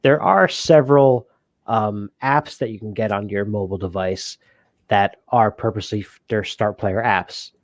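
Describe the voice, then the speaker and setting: A man's voice: on the low side, moderate pace, no echo. A man co-hosting a casual board game podcast, rambling with many fillers and frequent laughs. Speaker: podcast co-host. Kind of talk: casual chat.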